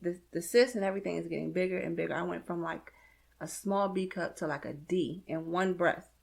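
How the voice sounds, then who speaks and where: A woman, a guest on an interview show, telling a personal story in a lively way and acting out the conversations she had. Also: on the low side, brisk, creaky. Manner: retells events with lots of "like" and acted-out dialogue.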